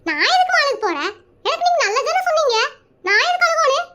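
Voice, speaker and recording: A woman doing a squeaky, sassy cartoon boy. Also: very animated, fast, pushed and bright, a little hiss or hum, full character voice. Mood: pleading. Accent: rural Tamil Nadu. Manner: whiny, pleading, mock-threatening. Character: cheeky young boy, sassy and dramatic. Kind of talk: cartoon comedy voice acting.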